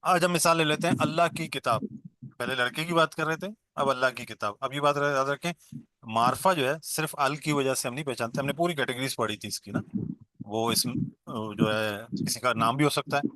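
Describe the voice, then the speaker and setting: A man's voice: medium pitch, a little fast, pushed and bright, dry recording. A man teaching an online grammar class, explaining step by step, asking and answering his own questions and correcting himself as he goes. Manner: self-corrects mid-sentence. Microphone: video call.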